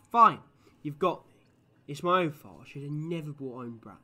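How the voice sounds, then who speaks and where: Man playing the Doctor, higher-voiced eccentric time traveller. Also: lively intonation, moderate pace, bright, forceful tone, full character voice. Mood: cocky, triumphant. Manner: theatrical, cocky, whimsical. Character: eccentric, quick-witted male time-travelling adventurer. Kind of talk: science fiction fan audio drama acting.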